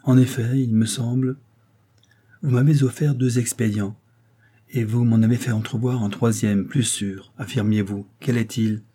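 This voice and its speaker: A man's voice: medium pitch, steady tone, moderate pace, dark tone, close to an everyday voice. A man voicing a proud, hot-tempered young nobleman not yet nineteen, speaking indignantly.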